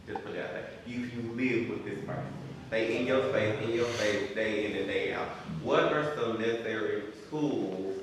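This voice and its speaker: A man's voice: fairly low pitch, normal speed. A man sharing his situation in a casual group discussion, earnest and quoting others. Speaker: class participant. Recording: echoey room from a distance, noisy.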